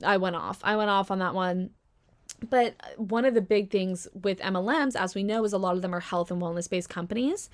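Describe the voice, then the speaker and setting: A young woman hosting a solo podcast, ranting in a sarcastic, animated way with slang and bursts of laughter. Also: medium pitch, brisk. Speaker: podcast host. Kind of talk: casual solo podcast commentary.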